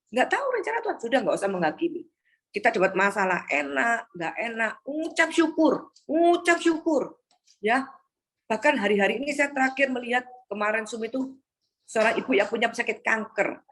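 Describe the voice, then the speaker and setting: A woman's voice: on the high side, a bit bright, breathy edge. A woman preaching an exhorting sermon to a congregation on a video call, often calling the listeners "Saudara".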